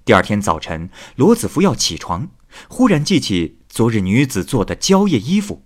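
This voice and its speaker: A man narrating a classic tale expressively, voicing each figure himself. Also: lowish voice. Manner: expressive, lively, voices every figure. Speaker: storyteller.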